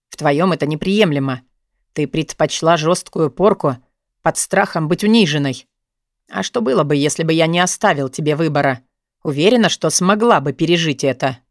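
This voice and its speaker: A woman voicing a brooding, dominant young man who speaks in a low, measured, tired tone in an audiobook reading, recorded dry. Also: dry recording, close to an everyday voice.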